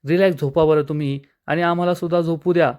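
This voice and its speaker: Man doing a flustered young husband, defensive, quick protests, a bit high. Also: fairly even intonation, darkish tone, smooth, natural voice. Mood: exasperated.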